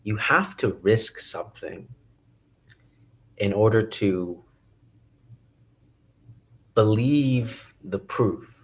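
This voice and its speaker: A man musing casually to camera about philosophy, hesitant and thinking aloud with many pauses and restarts. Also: fairly low pitch. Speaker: video essayist.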